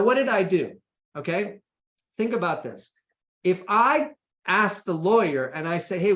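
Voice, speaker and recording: A slightly bright, high-pitched male voice belongs to an American presenter leading a casual, practical session. He keeps things conversational and often checks in with his listeners using "right?" and "okay?". Echo from the room is audible.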